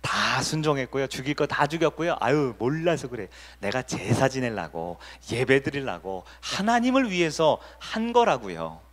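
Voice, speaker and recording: A man's voice: mid-range voice, sing-song, moderate pace, hardly any pauses, close to an everyday voice. A man playing a defensive king who brushes off blame with dismissive excuses. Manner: dismissive, self-justifying. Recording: reverberant church hall.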